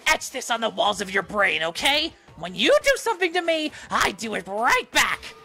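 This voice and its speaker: A woman's voice: fairly high pitch, very animated, normal speed, creaky, sharp tone, faint music behind, pitched above the performer's own voice, heavily acted. A woman voicing a mischievous, petty male bear headmaster who taunts and takes offense easily. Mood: threatening.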